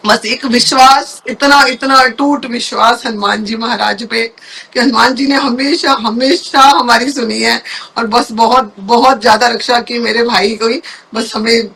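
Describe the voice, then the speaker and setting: A woman's voice: fairly high pitch, steady tone, measured pace, gravelly, bright, forceful tone. A woman guest telling a personal faith story in conversation, speaking earnestly and repeating words for emphasis. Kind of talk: emotional personal testimony in conversation.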